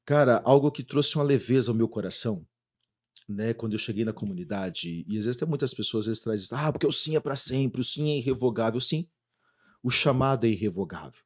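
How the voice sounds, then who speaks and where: A Brazilian man in his thirties, a lively storyteller chatting as a guest about his religious community life. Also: mid-range voice, brisk. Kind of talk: casual storytelling interview.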